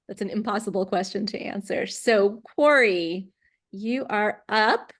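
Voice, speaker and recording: A woman's voice: medium pitch, measured pace. A woman with a mid-range voice moderates a panel over a video call. She sounds upbeat and enthusiastic as she hands the floor to the next speaker.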